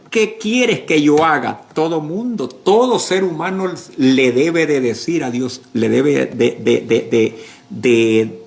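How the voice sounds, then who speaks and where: A male pastor preaching a sermon slowly and emphatically, with many fillers and repeated words. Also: on the high side, vocal fry.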